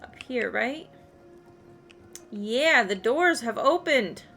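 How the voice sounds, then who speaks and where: A woman's voice: a little high, animated, slow, a bit bright, faint music behind. A woman chatting casually on a game livestream, rambling and thinking aloud as she plays. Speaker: game streamer.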